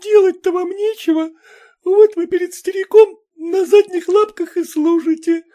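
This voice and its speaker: A man's voice: very high voice, fairly even intonation, voice pushed up. A man voicing a petulant, hysterical young bride, reading a story aloud with sulky, ironic outbursts. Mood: agitated. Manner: sulky, ironic, quick to shout. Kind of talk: audiobook character voice.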